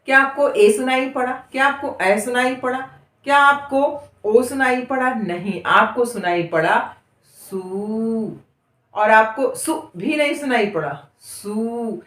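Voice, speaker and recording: A woman's voice: high voice, unhurried, fairly bright tone, echoey room, far from the mic. A woman teaching beginners to read, who draws out each long vowel and repeats every word several times. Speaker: Hindi reading teacher. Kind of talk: slow, drawn-out spelling lesson for beginners.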